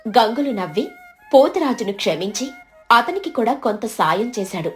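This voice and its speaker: A woman reads out a moral story for an animated cartoon in a steady, measured storytelling voice. Her pitch sits somewhat high. Faint music plays underneath. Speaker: narrator. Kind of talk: scripted storybook narration.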